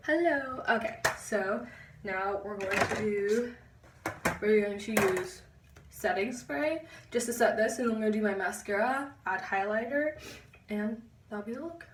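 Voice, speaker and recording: A young woman giving a chatty makeup tutorial, pausing as she concentrates. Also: mid-range voice, recorded from a distance, background noise. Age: young adult. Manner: chatty, halting while concentrating. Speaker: beauty vlogger. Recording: echoey room, a bit off-mic.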